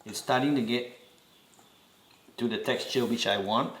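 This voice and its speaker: A man's voice: medium pitch, fairly bright tone, reverberant. A man from Singapore with a Singaporean accent, giving patient step-by-step instructions in a home cooking demonstration. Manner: slow, patient instructions with repeated reminders.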